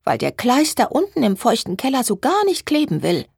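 A woman's voice: huge pitch swings, moderate pace, creaky, darkish tone, husky, no room sound, clean studio sound, full character voice. A woman voicing a plaintive, complaining seamstress who dotes on her son, in a storybook reading. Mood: whining. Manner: whiny, high and plaintive. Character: shrill complaining woman seamstress, doting mother. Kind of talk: audiobook reading.

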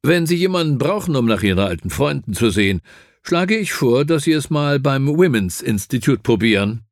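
A man voicing the Doctor as a lazy, sardonic gentleman in an audiobook, with a drawling, mocking manner. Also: mid-range voice, big pitch swings, moderate pace, no echo, clean studio sound, pitched above the performer's own voice. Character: lazy, sardonic male time-traveller, aloof gentleman.

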